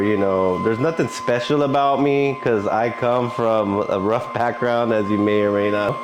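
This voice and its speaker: A man's voice: medium pitch, low-quality recording. A man giving earnest, encouraging talk in a motivational vlog. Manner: earnest and encouraging, with frequent laughs. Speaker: vlogger.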